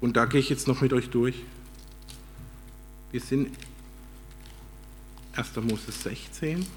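A man's voice: medium pitch, takes it slowly, a little hiss or hum. A man from Germany preaching a sermon, telling a story with animation and acting out the voices he quotes.

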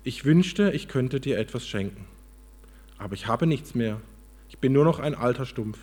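Gentle giving tree, as a man puts it on, tender, apologetic, slightly husky. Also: medium pitch, expressive, normal speed.

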